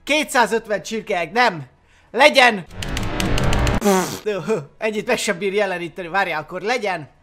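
A young man giving excited gameplay commentary, often laughing and exclaiming. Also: high-pitched, pauses often, music in the background. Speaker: gaming YouTuber.

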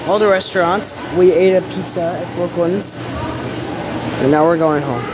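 A woman talks into a handheld phone as she strolls through an indoor mall. Her voice sits a little low, and her chatty, wandering commentary is full of fillers. Loud mall ambience and air conditioning hum fill the background. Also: a little slow. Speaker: vlogger touring a mall. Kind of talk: casual walking vlog narration. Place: indoor shopping mall, walking. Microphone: handheld phone camera.

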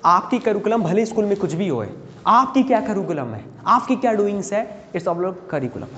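In a classroom full of echo and a faint hum, a man teaching spoken English and interview skills lectures in a Hindi-English mix, quizzing students and drilling pronunciation. He has a high, sing-song, somewhat bright voice at a moderate pace, captured on dull audio.

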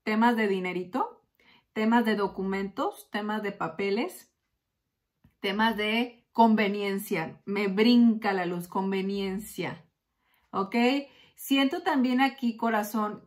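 A woman doing a tarot reading, chatting warmly, calling the listener "corazón" and acting out quotes with sudden jumps in pitch. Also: a little slow. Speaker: tarot reader.

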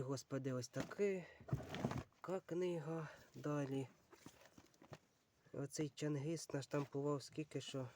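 Amid background noise, a mid-range male voice gives casual commentary while leafing through a pile of books. The book channel vlogger speaks unhurriedly, thinking aloud with many fillers and addressing his audience as friends.

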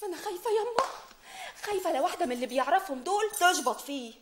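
An actress with an Egyptian accent playing a young married daughter who complains and pities herself. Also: female voice, very high voice, expressive, very fast, background noise. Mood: complaining. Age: young adult. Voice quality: complaining, self-pitying.

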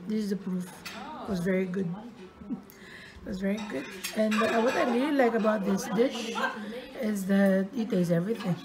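Holding her phone in a busy indoor restaurant, a woman vlogger films a casual video, chatting and laughing often amid crowd chatter. Her voice sits in the mid range, at a normal speed.

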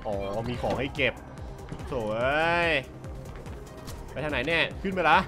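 A man commentating his own gameplay casually, excitable and joking with loud exclamations to his viewers. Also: fairly high pitch, a little slow. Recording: game music playing behind the voice.

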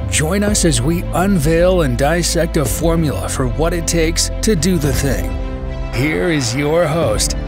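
Upbeat male announcer over music. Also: a little high. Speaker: podcast announcer. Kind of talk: scripted intro voice-over.

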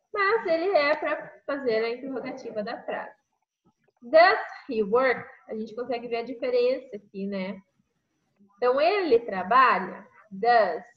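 A woman with a Brazilian Portuguese accent teaching an online English class, explaining patiently step by step and checking in with tag questions over a video call. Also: high-pitched. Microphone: computer microphone on a video call. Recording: echoey, muffled video call audio.

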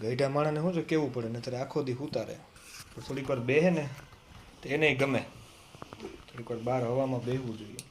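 A man's voice: medium pitch, a little fast, pauses often, a little hiss or hum. A young man, vlogging his family life in a chatty, teasing way on a handheld phone camera. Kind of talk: casual vlog narration.

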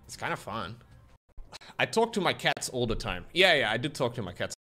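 A young adult man streams live from a small room at home while editing a video, talking to chat with bouncy, animated energy at normal speed. He jokes, reacts freely and reads chat aloud, his pitch sweeping up and down. He uses a desk mic, wears headphones and is framed by a webcam.

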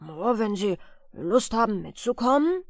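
A bragging male circus horse from a bedtime storybook, sociable and fond of his own importance, as a woman puts him on. He speaks up boldly with a lively, swinging melody, close and dry. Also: fairly high pitch, a little slow, dry recording. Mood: proud. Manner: proud, sociable, louder, a bit grand.

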